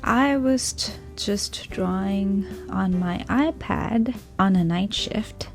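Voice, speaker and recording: A young woman, telling her own story in a casual, earnest vlog with soft whispered asides. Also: medium pitch, takes it slowly, gravelly, faint music behind. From Sri Lanka. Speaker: vlogger, small business owner.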